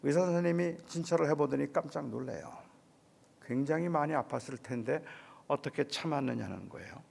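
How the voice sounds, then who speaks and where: A middle-aged male pastor preaching at a dawn service in a church, telling a personal story in a quiet, hushed way. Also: a little high, fairly quick, gravelly, husky, big-room sound. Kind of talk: sermon at a dawn revival service. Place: church sanctuary.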